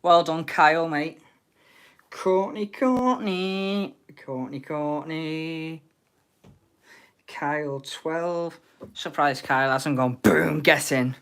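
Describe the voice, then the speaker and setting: Slow-paced British woman hosting casual bingo. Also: deep voice. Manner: informal, cheeky banter. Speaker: host of an online bingo game. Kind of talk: casual chat, calling out players and numbers.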